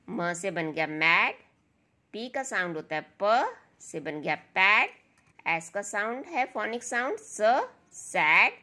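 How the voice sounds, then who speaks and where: Woman phonics teacher, bright tone and a slow, deliberate pace. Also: lowish voice. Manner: slow, sounding out each letter and word. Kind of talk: children's phonics lesson.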